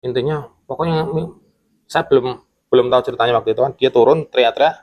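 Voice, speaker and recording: A man's voice: mid-range voice, fast talker, muffled recording. A man, a former security guard telling a ghost story in a casual podcast chat and acting out his coworkers' words. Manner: animated, acts out quotes from coworkers.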